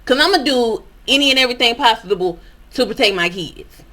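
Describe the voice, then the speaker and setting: A woman co-hosting a casual reaction chat, blunt and emphatic. Her voice sits fairly high and rings bright and forceful. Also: expressive, a little fast. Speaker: co-host.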